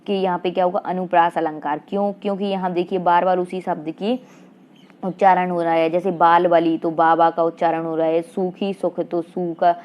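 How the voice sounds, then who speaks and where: A woman teaching an exam-prep grammar lesson with a Madhya Pradesh Hindi accent, asking rhetorical questions and answering them herself, and reading verse lines slowly. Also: fairly low pitch, level tone. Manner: slow sing-song recitation of verse lines. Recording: dull lo-fi online class audio.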